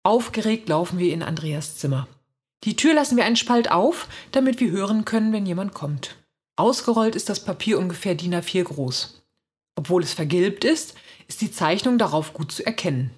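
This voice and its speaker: A woman reading a first-person children's story aloud in a lively, expressive way, with a husky voice. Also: fairly low pitch, moderate pace. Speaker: reader.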